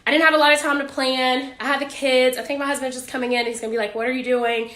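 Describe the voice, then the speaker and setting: A woman's voice: high-pitched, level tone, fast talker, a bit bright, roomy sound. A woman physician chatting casually to viewers on a livestream from her home office, upbeat and a little out of breath. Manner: chatty, upbeat, greets viewers, laughs often. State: warm and a bit out of breath. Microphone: phone or webcam livestream.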